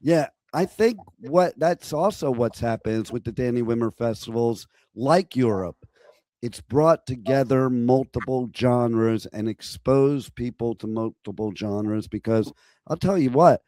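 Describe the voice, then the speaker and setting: A man hosts a radio interview in a hoarse voice that is nearly gone. His pitch sits in the middle range, and he chats casually. The sound is dry, with very little room. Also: measured pace, dark tone, dry recording. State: hoarse, lost voice. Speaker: radio host.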